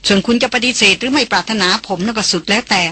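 A woman's voice: on the high side, quick pace, sharp tone, breathy edge, dry recording. A woman reading an audiobook, voicing a bold young man who earnestly courts a foreign woman. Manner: earnest, pleading, raised voice.

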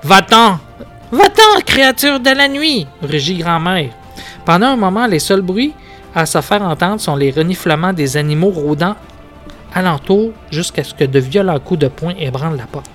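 A man's voice: fairly high pitch, normal speed, soft background music. A man with a Québécois accent hosting a podcast, reading a gamebook aloud with dramatic narration and casual asides. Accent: Québécois French. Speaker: podcast host.

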